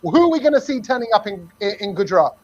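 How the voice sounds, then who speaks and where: A man with a strikingly high voice hosts a live cricket fan show, bouncing along with playful, teasing energy. The sound is dull and lo-fi. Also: sing-song, fast talker, darkish tone, a little hiss or hum. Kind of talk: lively live-stream chat.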